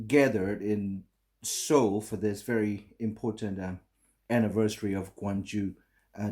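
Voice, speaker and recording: A middle-aged man from Burma with a Burmese accent, giving a recorded conference talk in halting English full of fillers and restarts. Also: on the low side, a little mellow. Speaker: conference speaker.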